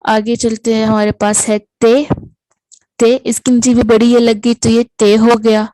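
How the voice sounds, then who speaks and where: A woman with a fairly high voice teaches letters one at a time, patiently repeating every sound. The voice-over is close and dry, with no room sound behind it. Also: little pitch movement, warm tone, no room sound, poor audio. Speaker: language teacher. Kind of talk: alphabet lesson, slow explanation.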